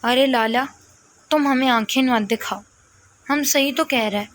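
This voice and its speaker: A woman voicing a cheeky, relaxed young man who teases playfully. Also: very high-pitched. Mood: teasing. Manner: teasing, playful.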